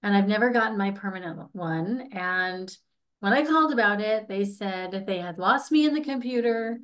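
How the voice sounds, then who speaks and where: On a video call indoors, a woman in her forties plays an exasperated, persistent licence applicant in a staged comedy reading. Her medium-pitched voice is lightly acted and plaintive.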